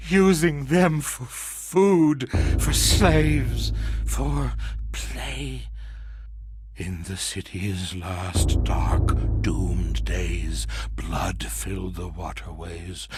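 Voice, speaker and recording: Man doing a half-mad haunted survivor, slow and dragging, whispering then shouting, audio hiss behind. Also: a little high, gravelly, full character voice. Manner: lurches between hushed whispers, manic laughs and shouts. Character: half-mad male survivor raving about monstrous parasites. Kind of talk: dramatic horror monologue.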